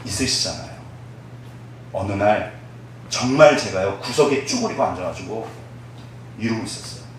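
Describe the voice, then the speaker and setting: Animated man preaching in an echoey hall. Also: on the low side, moderate pace, recorded from a distance, slight background noise. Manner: lively, conversational preaching with call-and-response questions; acts out quoted voices, dropping to a soft hush. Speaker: pastor. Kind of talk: sermon.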